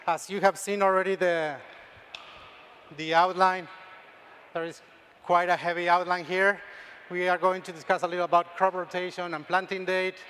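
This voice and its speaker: A middle-aged Argentine man with a high-pitched, a bit bright, clean-toned voice speaks with an Argentine Spanish accent. An extension dairy scientist, he presents research slides at a conference, frequently restarting words and tagging on "okay?" to check in.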